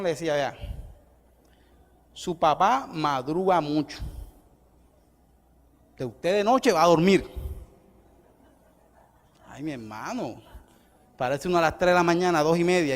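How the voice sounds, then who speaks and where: A middle-aged male pastor, preaching an evangelistic sermon. He swings from loud, rising declarations to soft, conversational asides. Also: sits high. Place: church hall. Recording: long church hall reverb.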